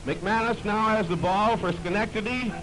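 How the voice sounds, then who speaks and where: A man with a high voice calls a basketball game in plain, steady play-by-play. It comes from a played-back early 1930s archive recording, with loud hiss under the voice. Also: moderate pace. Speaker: basketball commentator. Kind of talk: live play-by-play commentary. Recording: noisy, hissy old archive recording.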